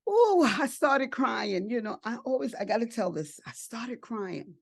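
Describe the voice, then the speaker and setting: A woman's voice: fairly high pitch, lively intonation, measured pace, creaky, dry recording, clean studio sound. An older woman, an adoptive and foster parent, giving a heartfelt personal testimony and repeating phrases for emphasis. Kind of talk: emotional personal testimony speech.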